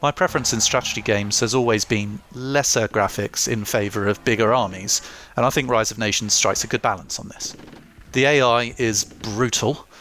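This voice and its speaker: A young man talks through a scripted review of an old strategy game. His delivery is dry and self-mocking, with jokes dropped in flatly. Faint ambient noise sits behind his voice. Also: on the low side, moderate pace. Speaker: gaming YouTuber.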